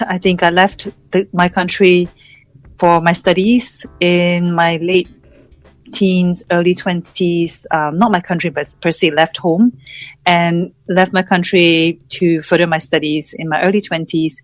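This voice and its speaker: Guesting on a podcast, a middle-aged woman from Malaysia who is a founder and coach tells her story reflectively, hunting for the right words. Her voice sits on the low side, with no room sound in the recording.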